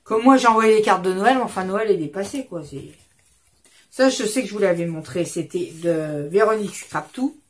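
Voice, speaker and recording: A woman's voice: medium pitch, expressive, normal speed. A woman in her fifties, rambling and chatty, hosting a casual chat at her desk at home while showing crafts. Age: 50s. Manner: rambling, chatty, self-interrupting. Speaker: craft channel host.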